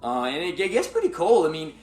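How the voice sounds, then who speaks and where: A man's voice: fairly high pitch, wildly swooping pitch, fast talker, darkish tone. A young man casually telling a personal story to his viewers, rambling and filling his speech with "like". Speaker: vlogger. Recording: roomy echo.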